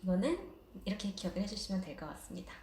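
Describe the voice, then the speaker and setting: A woman's voice: mid-range voice, expressive, rapid-fire, darkish tone, reverberant. A woman teaching a casual online language lesson, explaining patiently with light laughs.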